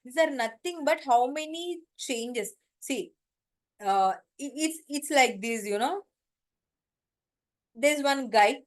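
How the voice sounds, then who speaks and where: A woman with an Indian accent delivers an informal lecture in a high, expressive voice, speaking slowly and pausing often. She walks through the material one step at a time, regularly making sure the students keep up.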